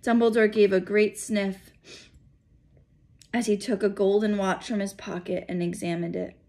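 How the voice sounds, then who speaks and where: Expressive woman reading a children's story. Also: mid-range voice, normal speed, creaky. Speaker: school principal reading aloud. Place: small home room, indoors. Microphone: phone or tablet at arm's length.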